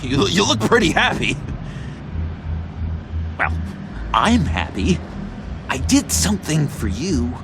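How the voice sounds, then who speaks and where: A man's voice: a little high, huge pitch swings, takes it slowly, pauses often, background noise, exaggerated voice. An actor playing an eager, unhinged, needy young male oddball in a video game, with a theatrical, hesitant then gushing delivery. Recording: music under the voice.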